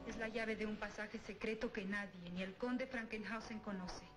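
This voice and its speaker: An actress playing a fearful, weakened countess with formal, melodramatic delivery in an old gothic horror film. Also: female voice, medium pitch, steady tone, moderate pace, music in the background, lightly acted. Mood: weak, urgent. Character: weak, fearful noble countess, haunted and dramatic.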